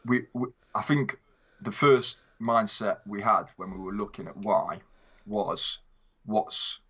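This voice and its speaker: A man's voice: on the low side, slow pace, a bit bright, slightly rough. A man co-hosting a casual film discussion, chatty, informal and digressive, on a slightly dull, lo-fi recording. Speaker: co-host of a film review show.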